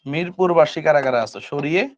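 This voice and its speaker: A high-pitched man with a Dhaka Bengali accent leads an online chemistry lesson. He asks questions and has students repeat lists back to him. The audio is dull and lo-fi. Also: a little fast, a little hiss or hum. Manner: quizzes students with call-and-response recitation. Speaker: chemistry tutor. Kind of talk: online admission-prep lecture.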